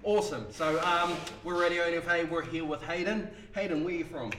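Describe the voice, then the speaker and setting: A man's voice: fairly high pitch, fairly even intonation, a little fast, a bit bright, roomy sound, a little hiss or hum. A man hosting a casual live community radio interview, upbeat and full of ums. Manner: upbeat, many ums and awesomes. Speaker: radio host. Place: community radio broadcast from a church.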